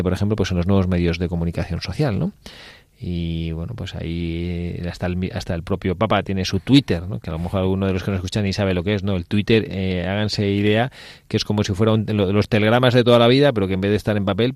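A middle-aged man hosting a religious radio discussion, speaking in a measured, reflective way and often tagging on a questioning "no". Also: low voice, vocal fry, a little mellow, dry recording.

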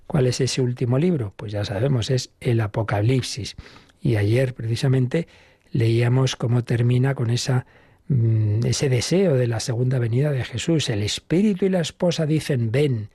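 Give me a priest teaching calmly with a slightly husky, dry voice. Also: male voice, mid-range voice, no room sound. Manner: unhurried, repeats key phrases, warm emphasis. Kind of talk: catechism teaching talk.

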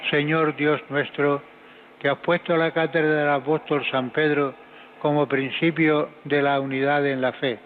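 Priest praying slowly in cathedral echo. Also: male voice, on the high side, level tone. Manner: measured, intoning prayers aloud. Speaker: priest celebrating Mass. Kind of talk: solemn liturgical prayer. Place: large church. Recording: tinny phone-like recording of a cathedral with long echo and background noise.

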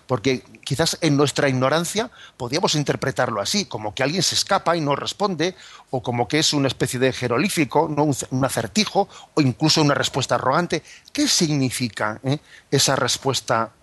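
A man teaching a lesson on scripture in a reflective, searching way, often checking in with his listeners. His voice sits at an ordinary middle pitch. The recording is dry and close, with no room sound. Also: lively intonation, a little fast, a bit bright, no room sound. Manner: thoughtful, many tag questions and fillers. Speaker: catechism teacher. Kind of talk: explanatory religious teaching.

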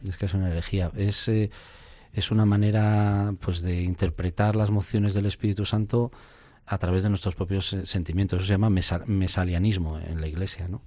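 Male priest, very low voice, animated storyteller, dry close recording. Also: a little fast, no room sound. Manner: storytelling, acts out scenes with sound effects. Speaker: priest guest. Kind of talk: reflective spiritual conversation.

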